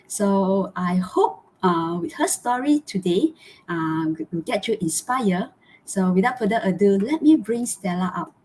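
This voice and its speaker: A woman's voice: medium pitch, animated, a little slow, a little mellow, slight background noise. A woman from Malaysia, hosting a live online interview over a video call in an earnest way, with many fillers and restarts. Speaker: host.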